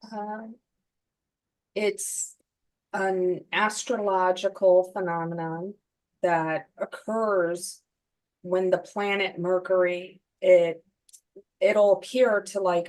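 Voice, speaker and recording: A woman's voice: fairly low pitch, darkish tone, low-quality recording. A woman co-hosting a casual chat podcast, explaining things plainly with many fillers. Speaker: podcast co-host.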